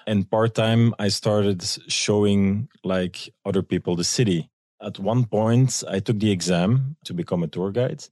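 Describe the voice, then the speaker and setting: A Belgian man with a Belgian accent, a tour guide and business owner, is an interview guest telling anecdotes conversationally and acting out quoted dialogue. His fairly low, warm voice moves at a measured pace on a dry, clean studio recording.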